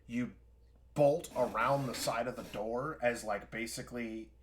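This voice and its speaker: A man's voice: mid-range voice, a little slow, a little hiss or hum. A man running a tabletop game as game master, narrating scenes with lots of fillers and restarts. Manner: rambling, filler-heavy narration. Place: home, streaming.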